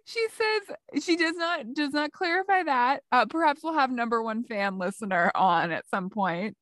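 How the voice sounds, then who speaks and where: A woman's voice: high-pitched, lively intonation, moderate pace, fairly bright tone, dry recording, studio quality. A woman co-hosting a podcast, chatting casually and laughing often as she tells and reads out stories. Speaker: podcast co-host. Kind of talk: casual chat.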